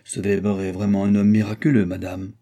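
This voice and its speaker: A man's voice: fairly low pitch, level tone, brisk, mellow, lightly acted. A man reading aloud and voicing a genial, well-fed king who talks in a hearty, insistent way. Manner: hearty, insistent, fond of his food.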